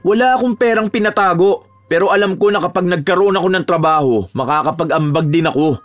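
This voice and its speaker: A man's voice: sits high, brisk, muffled recording, faint music behind, close to an everyday voice. A man playing a fed-up young student. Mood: indignant. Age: young adult. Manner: pleading, then indignant and cutting. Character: polite but fed-up young male student.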